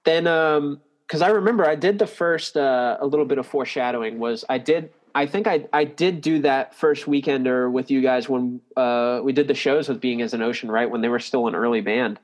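A man's voice: medium pitch, fairly quick, hardly any pauses. A man casually retelling an old road story, rambling and full of "like" fillers as he corrects himself mid-sentence. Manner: rambling, heavy use of "like", self-correcting.

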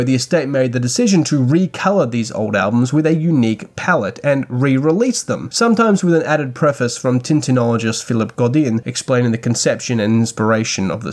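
A man hosting a podcast, reading scripted news commentary with dry, wry asides. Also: mid-range voice. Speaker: podcast host.

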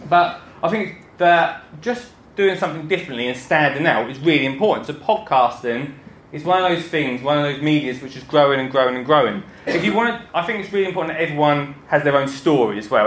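Essex bloke doing a chatty jokey talk on stage, echoey room, bit of noise behind him. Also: male voice, fairly high pitch, fast talker, a bit bright. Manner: chatty, joking, self-deprecating. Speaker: gardening podcaster and speaker. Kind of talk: informal stage talk to an audience. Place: indoor talk before an audience, roomy space.

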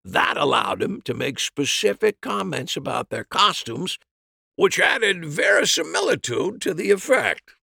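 Man voicing animated, high-pitched amateur sleuth. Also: a little slow, gravelly, breathy edge, dry recording, heavily acted. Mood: emphatic explaining. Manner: emphatic, explanatory.

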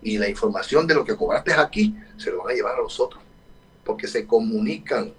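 A man's voice: fairly low pitch, lively intonation, a little fast, far from the mic, rough recording. Man speaking emphatically, off-mic. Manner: emphatic, repeats points, frequent fillers. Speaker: photographer and workshop teacher, guest. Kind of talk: casual interview talk.

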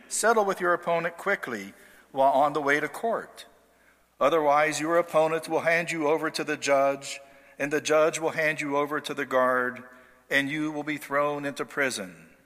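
Man, clergy, formal gospel proclamation, slightly high voice, cathedral echo. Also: bright, forceful tone. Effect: cathedral echo, long church reverb. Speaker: priest or deacon proclaiming the gospel. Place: large church. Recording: reverberant church hall.

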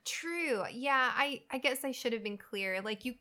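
A woman's voice: high voice, expressive, a little slow, bright, forceful tone. A woman co-hosting a podcast in casual chat, giving blunt advice with plenty of swearing. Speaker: podcast co-host.

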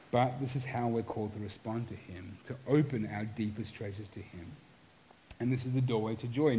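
A middle-aged man preaching a sermon as pastor, earnest, moving between animated and hushed passages. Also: medium pitch, poor audio.

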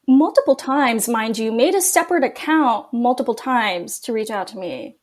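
A woman's voice: fairly high pitch, lively intonation, normal speed. A young woman co-hosting a podcast, telling a story in a chatty way and laughing often. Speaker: podcast co-host. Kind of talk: casual chat.

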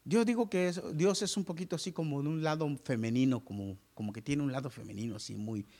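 A male pastor preaching a sermon to his congregation, moving between loud exclamations and hushed asides. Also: medium pitch, fast.

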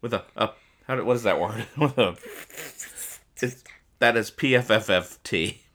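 This podcast host has a fairly low, fairly bright voice and a moderate pace. He hosts a comedy podcast, casually reading comics aloud and explaining them in a rambling, mock-earnest way.

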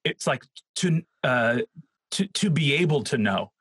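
A man talking theology in a casual academic conversation, often hunting for names and words, animated and laughing at times. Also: medium pitch, a little slow, husky, no echo, rough recording.

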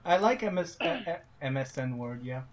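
A man's voice: medium pitch, lively intonation, a little fast. Hesitant man on a podcast panel. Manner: hesitant, repeats words. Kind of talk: casual chat.

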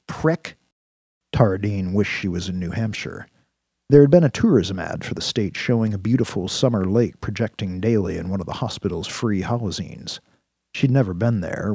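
Husky low-voiced male narrator. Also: a little mellow, no room sound, clean studio sound. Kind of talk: audiobook-style story narration.

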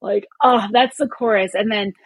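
Husky woman, lively storyteller. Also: medium pitch, moderate pace, no room sound, poor audio. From California. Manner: animated, expressive storytelling. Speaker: podcast guest. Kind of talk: casual chat.

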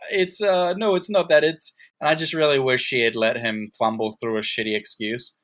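A woman's voice: extremely low pitch, fairly even intonation, normal speed. A woman co-hosting a podcast, chatting about a movie in a wry way and laughing often. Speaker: podcast co-host. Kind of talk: casual movie discussion.

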